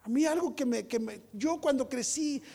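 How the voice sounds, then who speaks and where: High-voiced pastor preaching. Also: male voice, normal speed, creaky, in a large hall. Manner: swings from soft storytelling to loud exhortation. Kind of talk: sermon.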